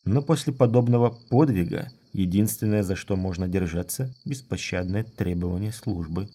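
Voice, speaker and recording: A man narrating a fantasy audiobook in a measured, even reading. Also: deep voice. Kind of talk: scripted narration.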